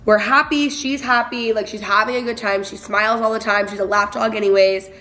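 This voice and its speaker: A woman's voice: on the high side, steady tone, fairly quick, bright, forceful tone, roomy sound. A young woman chatting casually to the camera for her vlog, full of fillers and self-mocking asides, recorded in her home garage. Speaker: vlogger.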